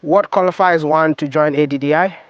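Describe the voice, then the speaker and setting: A man's voice: on the high side, brisk, smooth, no echo, muffled recording. Man interviewing, short easy questions. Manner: brief questions and steady affirming responses. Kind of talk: conversational interview.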